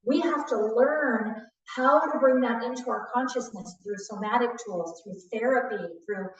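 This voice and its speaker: A woman's voice: a little high, moderate pace. A woman instructor leading a live trauma training class, talking the group through ideas and often checking in with "right?". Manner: warm teacherly, frequent "right?" check-ins. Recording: distant echoey dull room audio.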